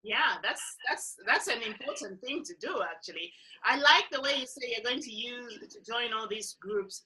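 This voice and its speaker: A woman's voice: fairly high pitch, animated, moderate pace, pushed and bright, low-quality recording. A woman hosting an interview, asking friendly, encouraging questions. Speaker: interviewer and host.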